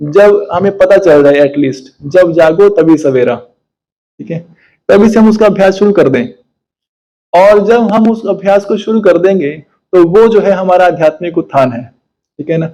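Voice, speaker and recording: High-pitched guy giving a sermon, mellow tone, keeps asking the room questions, tosses in english words. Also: rough recording. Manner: explains by asking questions and retelling stories, with frequent "है ना" fillers; mixes English phrases into Hindi. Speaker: spiritual teacher. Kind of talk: Hindi discourse on scripture.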